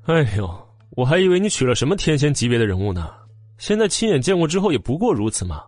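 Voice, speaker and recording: A man's voice: medium pitch, expressive, fast talker, no room sound, voice pushed up, close to an everyday voice. A man voicing an arrogant young man in an audiobook, talking in a sneering, taunting way. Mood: mocking. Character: arrogant, mocking young man, old friend. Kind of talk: audiobook character voice. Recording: dry close mic with faint music.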